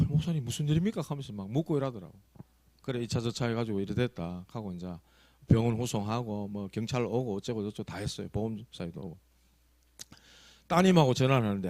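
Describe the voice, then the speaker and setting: Storytelling Korean pastor with lively pitch. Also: male voice, no room sound. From South Korea. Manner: storytelling, conversational with rising emphasis. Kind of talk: sermon. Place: church sanctuary.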